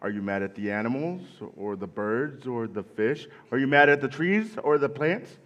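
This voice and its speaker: A man playing a calm, curious young boy in a stage musical, gently asking question after question, caught on a dull live stage recording. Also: medium pitch, normal speed, lightly acted. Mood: patient. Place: community theater stage.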